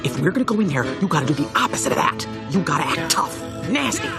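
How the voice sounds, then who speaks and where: A woman's voice: low-pitched, big pitch swings, fast talker, vocal fry, exaggerated voice. A woman voicing a tough, exasperated cartoon sidekick in a dramatic, emphatic way. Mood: urgent coaching. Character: tough, exasperated female cartoon sidekick warning her naive friend. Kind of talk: animated cartoon acting. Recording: music behind the dialogue.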